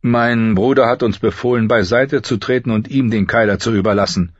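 A man's voice: medium pitch, fairly quick, no echo, highs cut off, pitched above the performer's own voice, lightly acted. A man voicing an uneasy middle-aged noble lord who reports tersely in an audiobook.

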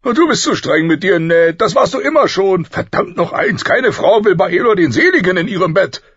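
A man voicing a loud, jovial, bawdy middle-aged king in an audiobook, hearty and laughing. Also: sits high, expressive, moderate pace, slightly rough, no echo, highs cut off, pitched above the performer's own voice, exaggerated voice. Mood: teasing. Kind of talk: audiobook character voice.

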